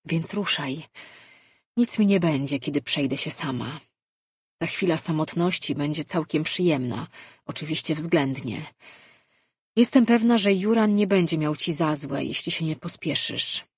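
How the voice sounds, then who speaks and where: A woman's voice: low voice, lively intonation, unhurried, husky, no echo, clean studio sound, full character voice. A woman reading the part of a hard, cool-headed female ally who speaks in a matter-of-fact way. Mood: calm.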